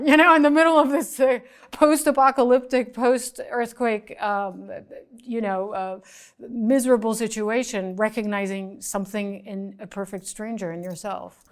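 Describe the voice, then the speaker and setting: Seated indoors on a small studio set, a middle-aged woman journalist gives an interview through a lapel mic in a mid-range voice. Born in the United States and raised in France, she answers articulately and thoughtfully, using her hands as she talks. Her speech has frequent restarts and fillers.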